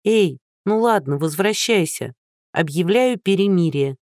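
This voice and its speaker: A woman's voice: lowish voice, lively intonation, unhurried, no room sound, studio quality. A narrator voicing a haughty, short-tempered actress in her thirties who talks down sharply. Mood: conciliatory. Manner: sharp, condescending.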